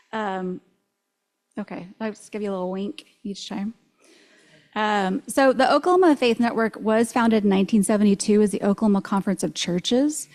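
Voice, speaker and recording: Woman talking to a congregation, casual and chatty, lots of ums and self-corrections, average pitch. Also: a little mellow. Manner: chatty, with many ums and restarts. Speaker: guest speaker. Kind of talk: live talk to a congregation. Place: spiritual center service, live.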